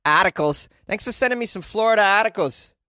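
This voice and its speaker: A man's voice: mid-range voice, animated, a little fast, dry recording, studio quality. A man from Boston hosting a podcast from a small closet, rambling casually with self-deprecating jokes and mild profanity. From Boston, United States. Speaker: podcast host.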